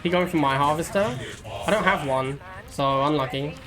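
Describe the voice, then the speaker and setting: A man's voice: fairly high pitch, normal speed. A man giving casual live commentary as he streams a game, musing and repeating himself in a conversational way.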